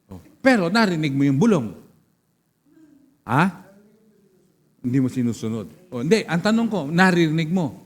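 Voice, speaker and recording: Pastor preaching in a church hall. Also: male voice, fairly high pitch. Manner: preaching with calls of praise God and amen, questioning the congregation. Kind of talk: sermon. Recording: long church reverb.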